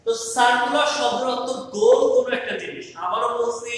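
A man's voice: very high-pitched, fairly even intonation, brisk, a bit bright. Male teacher in an echoey hall. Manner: switches between English and Bengali, repeats each point. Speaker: English teacher. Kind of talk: online class lesson. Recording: echoey hall, distant mic, faint noise.

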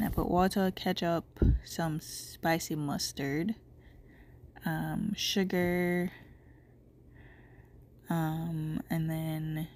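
This young Jamaican woman, accent and all, cooks at home and chats loosely for her vlog, her voice a bit stuffy from a cold. It's deep, creaky and darkish in tone. Captured by a camera mic across the kitchen, the audio has slight background noise.

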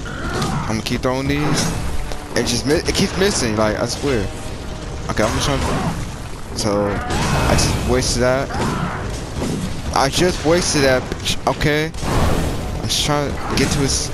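A man giving casual gameplay commentary as a streamer, agitated and frustrated, swearing and rapidly repeating short phrases. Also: mid-range voice, lively intonation, over loud music. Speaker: gamer streamer.

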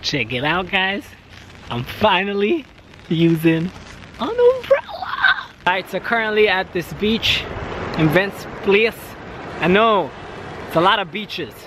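A man's voice: sits high, unhurried, bright, forceful tone, a little hiss or hum. A man casually hosting a travel vlog outdoors, joking and laughing as he goes. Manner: jokey, laughing, playful. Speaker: travel vlogger.

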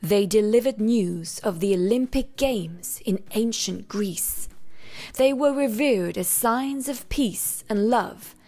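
A woman reading aloud, voicing a wise old male pigeon who speaks wistfully and dreamily in a low, hushed way. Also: slow, faint music behind.

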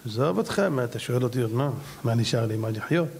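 A man voicing a despairing, indebted man who complains wearily in a lower voice. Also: expressive, gravelly, a little mellow, slight background noise. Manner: gloomy, weary, complaining.

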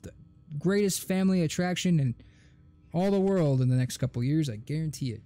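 A man's voice: a little high, fairly quick, dark tone, no echo. A young man giving joking, sarcastic running commentary while playing a video game. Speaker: gaming host. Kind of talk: let's play commentary. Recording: faint game music behind.

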